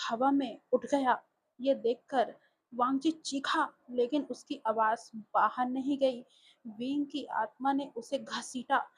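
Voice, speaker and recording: Woman narrator for a dark horror tale, high husky voice, deliberate pace. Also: poor audio. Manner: slow, deliberate telling. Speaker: storyteller. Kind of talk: scripted horror story narration.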